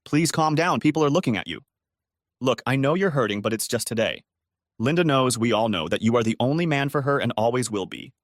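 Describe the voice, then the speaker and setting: A man voicing a calm, apologetic woman friend who pleads softly but firmly, in a told-aloud story. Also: mid-range voice, a little fast, dry recording, clean studio sound, lightly acted. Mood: soothing. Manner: soothing, apologetic, insistent.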